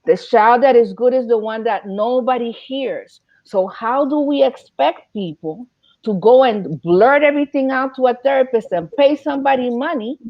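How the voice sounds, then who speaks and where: A woman's voice: fairly high pitch, normal speed, no echo, dull audio. A woman speaking as a panel guest, making her points emphatically and building them through repetition. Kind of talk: panel discussion.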